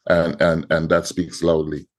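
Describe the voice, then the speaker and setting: His voice rumbles low, the delivery completely flat and unhurried. He's a middle-aged man from Trinidad and Tobago with a Trinidadian accent, a guest artist telling his story in a podcast interview and often repeating himself.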